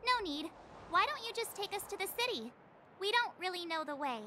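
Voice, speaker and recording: A very high-pitched spunky girl. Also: expressive, fairly quick, slight background noise, full character voice. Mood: curious. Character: cheerful spunky young girl adventurer. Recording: game audio with loud music.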